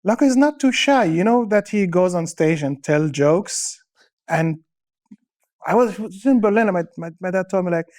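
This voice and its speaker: A man's voice: high voice, animated, brisk, darkish tone. A man in his thirties from Syria, a comedian chatting as a guest and telling stories about himself with many false starts. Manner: chatty, self-deprecating storyteller with false starts. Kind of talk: casual chat.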